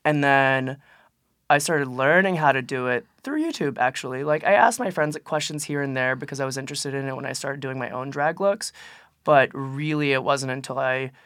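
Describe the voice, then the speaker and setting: A young adult man co-hosting a podcast, chatting casually and telling stories in an informal, animated way. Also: medium pitch, normal speed, smooth, dry recording, studio quality. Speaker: podcast co-host. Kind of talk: casual chat.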